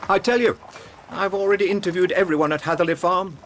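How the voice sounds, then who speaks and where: An actor playing a blunt, sceptical, scornful police inspector with an English accent in a radio drama. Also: male voice, high-pitched, fairly even intonation, fast, fairly bright tone, slight background noise. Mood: exasperated. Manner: blustering, scornful.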